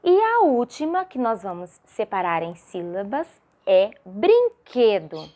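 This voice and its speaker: A woman's voice: medium pitch, big pitch swings, darkish tone. A woman primary school teacher with a Brazilian Portuguese accent, giving a recorded video lesson for young children and drawing out syllables in a sing-song way. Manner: slow, sing-song, drawn-out syllables with many rhetorical questions.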